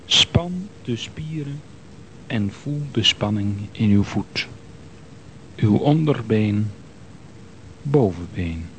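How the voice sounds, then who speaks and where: A man calmly leading a guided progressive muscle relaxation exercise, giving slow, soothing instructions. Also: fairly low pitch, background noise.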